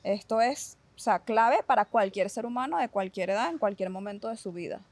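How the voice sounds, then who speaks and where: Calm Venezuelan woman psychologist explaining. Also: medium pitch, brisk, dry recording. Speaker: psychologist guest. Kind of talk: explaining in a casual podcast conversation.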